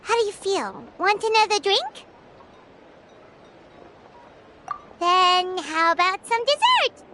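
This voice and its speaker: A woman voicing a small, excitable, childlike fairy companion in a video game, squeaky and bossy. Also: unhurried, a little hiss or hum, full character voice. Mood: chirpy, curious. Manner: refers to self in third person, exclamatory.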